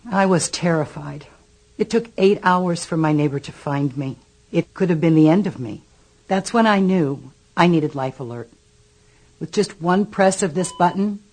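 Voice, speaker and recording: A woman's voice: low-pitched, a little mellow, slightly rough, low-quality recording. A woman playing an earnest, vulnerable elderly grandparent living alone in a testimonial advert.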